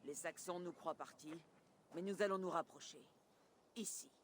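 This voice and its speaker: A woman's voice: fairly low pitch, moderate pace, a little hiss or hum, natural voice. A woman playing a firm Viking chieftain. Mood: resolute. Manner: firm, determined. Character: proud young female Viking chieftain. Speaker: clan leader. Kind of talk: dubbed video game drama.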